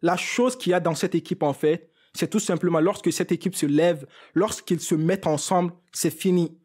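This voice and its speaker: A man giving an emotional football match reaction to his viewers, repeating himself as he tries to calm down. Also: high-pitched, moderate pace, breathy edge. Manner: excited, repeats himself, talks straight to viewers. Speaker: football video creator.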